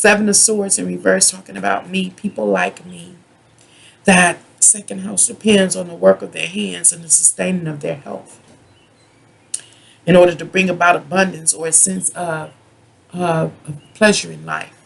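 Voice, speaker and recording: Here a tarot reader from the States rambles through a reading in a monologue, describing it herself as a drunken rant. Her medium-pitched voice is husky and rough, often dipping into gravelly fry, and she halts, elongates words, and keeps circling back to the same ideas.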